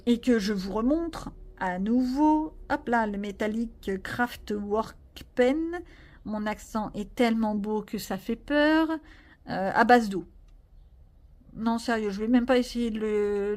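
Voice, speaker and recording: Speaking in a medium-pitched, slightly mellow voice, a woman vlogs about her coloring pages in a chatty, rambling way. She pokes fun at herself and fills her talk with plenty of fillers.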